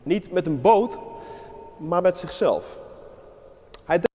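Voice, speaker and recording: High-voiced man preaching in a church. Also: lively intonation, takes it slowly, warm tone. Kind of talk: sermon storytelling. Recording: long church reverb.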